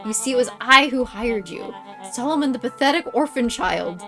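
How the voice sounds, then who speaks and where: A woman voicing a pompous villain mastermind in a boy's body for a story game, with slow, theatrical, condescending menace. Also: on the high side, animated, a bit bright, soft background music. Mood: grandiose menace. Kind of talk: voiced reading of story game dialogue.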